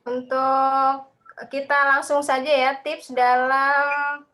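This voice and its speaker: A woman's voice: sits high, level tone, slow, sharp tone. A woman explaining material as the speaker of an online lecture on a video call.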